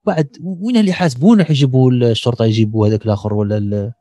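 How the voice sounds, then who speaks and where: A man with an Algerian accent making his points in an animated, argumentative casual discussion, piling up everyday examples. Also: mid-range voice, very fast, no echo. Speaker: discussion participant.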